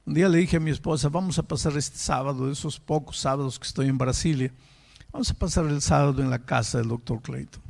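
A man's voice: medium pitch, fast, creaky, darkish tone. A male pastor preaching a sermon, telling a story and rising to impassioned emphasis.

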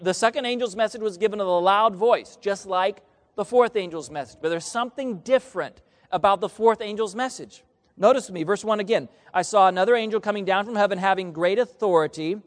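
A high-voiced man preaches fairly quickly, reading scripture aloud. He asks the congregation questions and they answer back, and the long reverb of a large hall colors the sound.

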